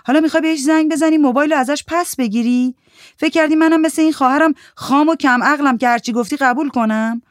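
A woman's voice: mid-range voice, sing-song, no echo, studio quality, voice pushed up, close to an everyday voice. A woman voicing a scornful, tough young woman smoker who talks in blunt, sneering street speech.

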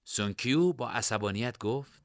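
A man narrating a fantasy story in expressive storytelling style. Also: medium pitch, no room sound, studio quality.

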